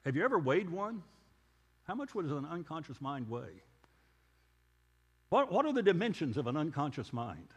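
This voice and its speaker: Lively-voiced man preaching in a hall. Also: on the high side, normal speed, pauses often, breathy edge. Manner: conversational storytelling with rhetorical questions. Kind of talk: sermon lecture.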